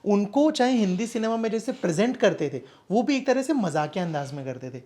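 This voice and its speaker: A woman's voice: medium pitch, lively intonation, fairly quick, warm tone. A woman interviewer who asks long, carefully framed questions and answers with short affirmations.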